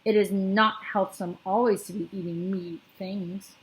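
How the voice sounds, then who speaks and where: A woman's voice: medium pitch, steady tone, unhurried, lightly acted, poor audio. A woman voicing a big, kindly male giant, timid but clever, who speaks in an eager, slightly raised voice with mangled grammar. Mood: eager, innocent.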